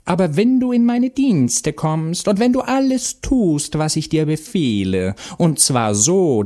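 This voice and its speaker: A man voicing a shrieking, bossy old witch in a storybook, giving orders in a shrill, drawn-out voice. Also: dark tone, exaggerated voice. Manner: screeches commands slowly and shrilly. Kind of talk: storybook read-aloud.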